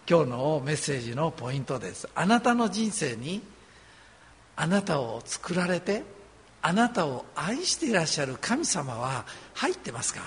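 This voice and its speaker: A man from Osaka, Japan preaching a sermon as a pastor, earnest and conversational with gentle humor. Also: fairly high pitch, a little hiss or hum. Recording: long hall reverb.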